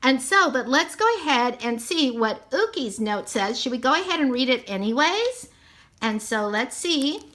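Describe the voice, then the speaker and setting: A woman's voice: high-pitched, sing-song, normal speed, sharp tone. A woman narrating a toy unboxing, gushing sweetly and repeating how cute everything is.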